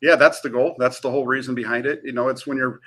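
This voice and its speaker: A man, a sports reporter on a talk show, speaking in an energetic, eager way. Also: medium pitch, fast. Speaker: team beat reporter.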